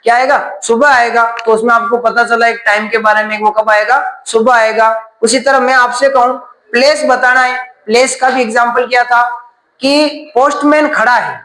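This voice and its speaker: A man's voice: extremely high pitch, steady tone, moderate pace, sharp tone, reverberant, rough recording. A man teaching a grammar class, asking questions and then answering them himself.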